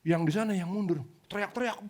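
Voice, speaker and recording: A man's voice: high voice, fast talker. A male pastor preaching a sermon, telling stories with slang and jokes. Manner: animated storytelling with slang and jokes.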